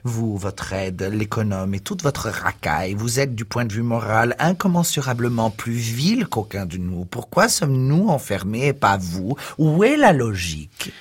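A man voicing an enraged, bitter male asylum inmate who shouts and spits contempt in a read-aloud story. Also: medium pitch, big pitch swings, unhurried, hardly any pauses, breathy edge.

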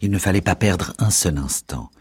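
A man giving a measured, dramatic scripted narration of a novel. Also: deep voice, breathy edge. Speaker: audiobook narrator.

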